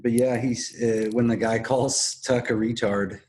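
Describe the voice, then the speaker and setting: A man co-hosting a podcast, explaining and analysing in a measured, casual conversational way. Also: mid-range voice, fairly even intonation, darkish tone, slight background noise. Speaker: podcast co-host. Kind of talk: casual analytical discussion of a TV drama.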